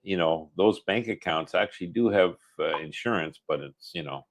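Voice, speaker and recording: Easygoing low-voiced man reading comments. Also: normal speed. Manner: easygoing, reads viewer comments aloud. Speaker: livestream co-host reading comments. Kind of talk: casual livestream chat.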